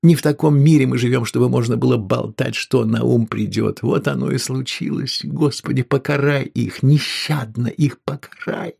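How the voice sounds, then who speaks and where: A man reading an audiobook, voicing an excitable, pious innkeeper's wife with raised, indignant outbursts and a raspy voice. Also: mid-range voice, normal speed. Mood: furious. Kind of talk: audiobook character voice.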